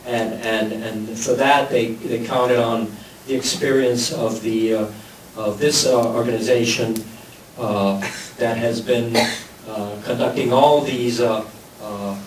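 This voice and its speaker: Slow halting guy interpreting, lots of uhs, echoey hall, far from the mic. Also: mid-range voice, a little hiss or hum. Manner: halting, many fillers. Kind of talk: consecutive interpreting. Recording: roomy hall, distant mic.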